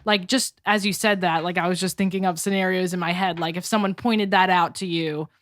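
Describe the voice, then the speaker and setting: A woman's voice: fairly low pitch, fairly even intonation, fairly quick, no echo, studio quality. A young woman co-hosting a podcast, speaking reflectively about grace in marriage, with a slight lisp. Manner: soft agreeing, reflective talk. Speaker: podcast co-host. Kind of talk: casual chat about marriage.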